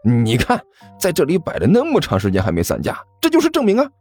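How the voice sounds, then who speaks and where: A man's voice: fairly high pitch, wildly swooping pitch, quick pace, a little mellow, slightly rough, faint music behind, voice pushed up, heavily acted. A man voicing a middle-aged male landlord who is chatty, persuasive and nervously stammering. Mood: wheedling, wary.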